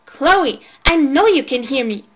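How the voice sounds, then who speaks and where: A woman voicing a bossy teenage girl babysitter who calls out loudly and impatiently. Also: very high-pitched, unhurried, heavily acted. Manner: loud, commanding, impatient.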